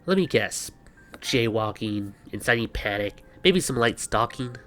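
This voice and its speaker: Animated and somewhat bright, a man's mid-range voice moves at a measured pace as he hosts a bantering scripted explainer. His sarcasm is wry, his asides exasperated, and there's music behind him.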